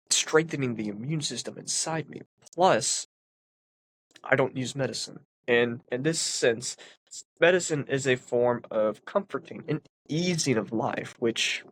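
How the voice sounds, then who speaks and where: The audio is poor, with a little hiss or hum, as a man with a medium-pitched, slightly bright voice reads a philosophy text. Sniffly and congested, this philosophy commentator explains the passage earnestly with emphatic stresses.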